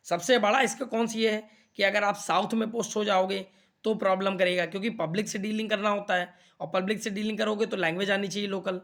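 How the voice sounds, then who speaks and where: Chatty high-voiced man explaining to students. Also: a bit bright. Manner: chatty, repeats "theek hai na" to check understanding. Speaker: exam coaching teacher. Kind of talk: casual explainer talk to students.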